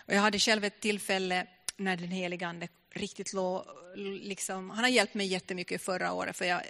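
A woman's voice: mid-range voice, creaky, a bit bright. A woman preaching a sermon in a church, telling a personal testimony with many restarts and fillers.

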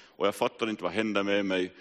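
A man in his forties preaching a personal testimony sermon, telling his story earnestly with sudden rises and hushed drops. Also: lowish voice, steady tone. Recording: reverberant hall.

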